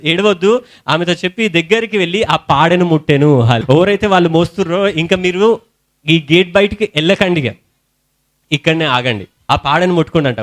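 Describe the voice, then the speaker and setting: Young male preacher, Telangana Telugu accent, high voice, colloquial storytelling sermon. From India. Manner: storytelling sermon in colloquial speech, rising to shouted hallelujahs.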